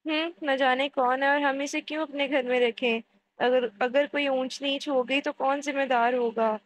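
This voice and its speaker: A woman reading the lines of a scornful, haughty middle-aged aunt, disdainful and sharp, in a storybook reading. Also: sits high, level tone, natural voice, rough recording.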